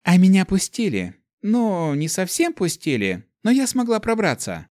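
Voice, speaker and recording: A man voicing a hot-tempered dragon elemental in the form of a young girl, shouting and swearing. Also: high voice, wildly swooping pitch, moderate pace, no echo, clean studio sound, pitched above the performer's own voice. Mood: bratty.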